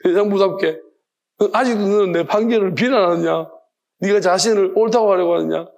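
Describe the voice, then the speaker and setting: A stern male God, slow and scolding as he demands answers, put on by a preacher. The voice is high for a man and gravelly. A man reads the part aloud, slowing down for weight. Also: darkish tone, dull audio.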